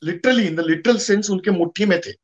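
High-pitched Indian man in discussion. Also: very fast, highs cut off. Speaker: guest commentator. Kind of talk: conversational history and politics discussion.

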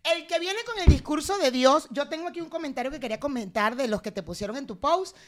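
A high-voiced woman argues on a casual podcast. She is blunt and swears freely. She talks over her co-host and turns loud when worked up. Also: expressive, quick pace. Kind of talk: heated casual debate.

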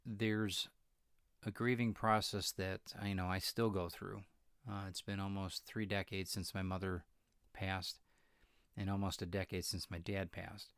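A middle-aged man with a very low voice talks through a reflective solo podcast. He speaks in a flat, even tone and often pauses with fillers and restarts. The sound is dry and close. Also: dry recording. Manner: halting, with many fillers and restarts. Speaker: podcast host.

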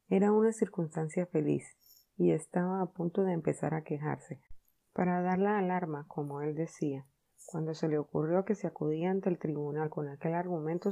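Low gravelly woman reading a story. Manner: measured, expressive narration. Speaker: audiobook narrator.

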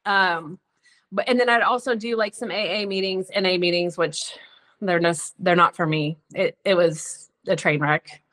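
A woman's voice: fairly low pitch, steady tone, normal speed, a bit bright. A woman on a podcast frankly telling her own story in a chatty way, often slipping into quoted dialogue. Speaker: podcast guest. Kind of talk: candid personal storytelling.

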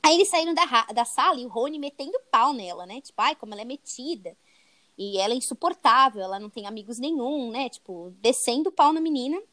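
This podcast co-host is a young Brazilian woman whose high, slightly bright voice is expressive and fast, with hardly any pauses. She chats through a book chapter in a Brazilian Portuguese accent, tagging lines with "né?", on a dry recording.

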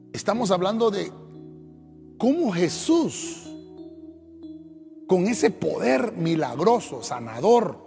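A man's voice: high voice, creaky, darkish tone, in a large hall. A man, a pastor from Honduras, preaching a sermon, swelling and dropping his voice and calling his listeners brother.

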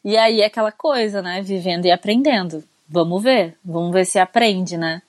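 A sleepy Brazilian woman co-hosting a casual talk show, with a mid-pitched voice. She chats loosely and keeps checking in with her listener through tag questions. The sound is dry and close, with no room echo. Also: moderate pace. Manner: chatty, conversational, frequent tag questions. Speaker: co-host. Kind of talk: casual news commentary.

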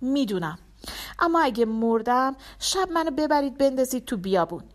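A woman's voice: high-pitched, big pitch swings, pitched above the performer's own voice. A woman voicing a wounded young man who speaks weakly and resignedly of dying, in an audiobook. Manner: weak, resigned.

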